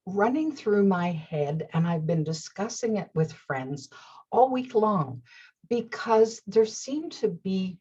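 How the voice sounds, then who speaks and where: A woman hosting her own talk show, speaking in a slow, gentle and earnest way, with soft laughs and whispered asides. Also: mid-range voice, husky, dull audio. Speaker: host. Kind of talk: reflective talk-show monologue.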